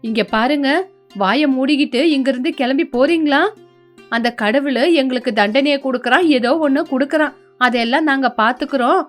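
A woman voicing a young daughter-in-law in an animated story, soothing her in-law and firm with neighbours. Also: high voice, brisk, soft background music, close to an everyday voice. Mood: defiant.

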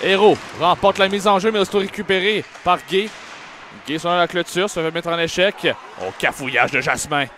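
A man with a Quebec French accent giving excited play-by-play hockey commentary, with animated, exclamatory calls. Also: high-pitched, normal speed. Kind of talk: excited live sports commentary. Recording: clearly noisy live arena commentary. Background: ice rink ambience.

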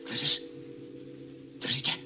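A man's voice: takes it slowly, lightly acted. An actor playing a delirious young male composer lost in the sewers, speaking in a dreamy murmur and whisper, in a 1950s film. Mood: entranced. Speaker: soldier and composer. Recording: muffled old film soundtrack with music.

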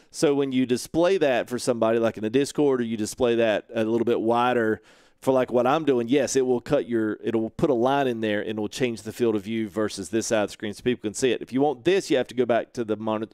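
A streamer in his thirties hosts a casual gameplay livestream from a home sim rig, speaking through a headset mic in a laid-back, chatty way. He laughs often, greets viewers, and reads chat aloud. His medium-pitched voice is clear, resonant, and a little mellow, recorded dry at studio quality.

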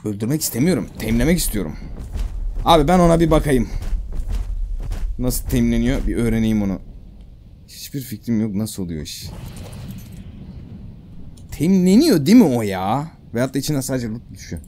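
Excitable man with lively swings in pitch. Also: moderate pace, pauses often, slight background noise. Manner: excitable, slangy, talks to the game creatures. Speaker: gamer streaming a survival game. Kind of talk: casual gameplay commentary.

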